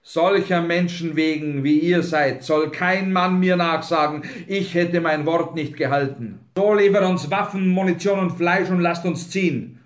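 A man's voice: high voice, moderate pace, reverberant, pitched above the performer's own voice, close to an everyday voice. A stern proud chief, as a male narrator puts him on. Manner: curt, commanding, scornful.

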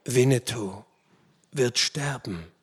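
A man voicing a dignified Apache chief who speaks in a quiet, solemn, measured way. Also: medium pitch, slightly rough. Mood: weak quiet. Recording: long hall reverb.

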